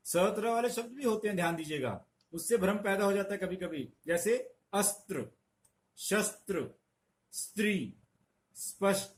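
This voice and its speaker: A middle-aged man teaching a spelling lesson, patient, explaining with little stories and examples. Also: high voice. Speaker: Hindi language teacher.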